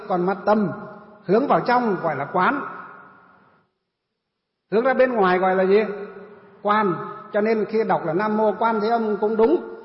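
Monk preaching, questions then answers. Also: male voice, high-pitched. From northern Vietnam. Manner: asks the audience questions and answers them himself. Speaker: Buddhist monk teacher. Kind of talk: dharma talk sermon. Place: temple hall during a retreat. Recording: roomy hall, dull lo-fi sound.

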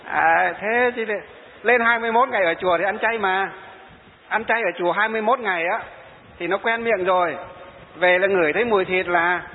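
A man's voice: high voice, a little fast. A man, a Buddhist monk giving a storytelling sermon and quoting his followers. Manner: storytelling, quoting followers and answering rhetorical questions. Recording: tinny phone-like sound in a reverberant hall.

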